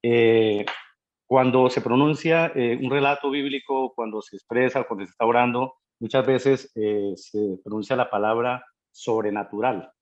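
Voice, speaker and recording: A man's voice: medium pitch, steady tone, normal speed. Hesitant man asking questions, dull lo-fi line. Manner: hesitant, many fillers and restarts. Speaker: caller asking the pastor questions.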